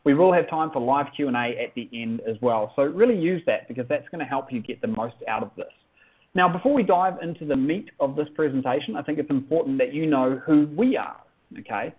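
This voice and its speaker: Through tinny, phone-quality sound comes a medium-pitched, fairly quick voice with a breathy edge. The speaker, a New Zealander in his thirties, hosts an upbeat sales webinar, keeps asking the audience to reply in chat, and frequently adds "okay?" to his lines.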